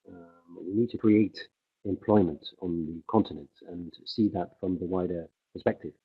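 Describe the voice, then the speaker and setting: A man with a deep, husky voice simultaneously interprets a conference speech, pausing and restarting with many fillers as he keeps pace with the speaker. The audio is tinny and phone-like, as though carried on a narrow livestream feed from an interpreter's booth.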